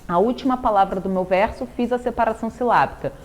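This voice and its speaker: A woman's voice: on the high side, quick pace. A woman with a Brazilian Portuguese accent teaching a literature lesson, explaining step by step with rhetorical questions and a frequent tag "né?". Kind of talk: recorded classroom lesson.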